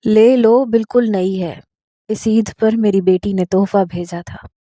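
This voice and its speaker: A woman voicing a patient, fatherly old man who serves as a mosque imam, speaking slowly and soothingly. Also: mid-range voice, no echo, studio quality, lightly acted. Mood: tender. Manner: slow, soothing, gently persuasive.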